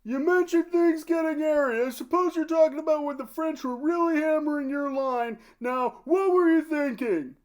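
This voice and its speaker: Man playing a very high-voiced field reporter. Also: normal speed, few pauses. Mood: eager, probing. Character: earnest male field news reporter at a medieval battle. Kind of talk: mock TV news interview.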